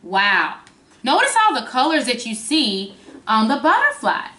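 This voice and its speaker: A woman with a high, very lively voice reads a picture book to little children like a kindergarten teacher. Her delivery is sing-song and expressive, with simple questions put to the listeners. The sound is roomy and echoing. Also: moderate pace. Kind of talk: reading a picture book aloud to young children.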